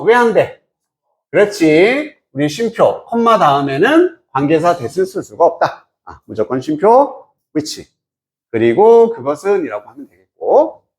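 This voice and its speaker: Guy teaching english, high lively voice, asks himself stuff and answers, drags out english words. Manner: lively, asks and answers his own questions; drawls English words very slowly. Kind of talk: lecture.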